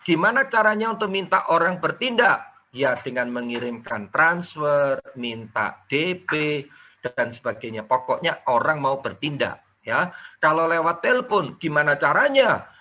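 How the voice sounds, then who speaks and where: A man teaching a live online sales training, energetic and coaxing participants to type answers in the chat. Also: fairly high pitch, unhurried. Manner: mixes in English words.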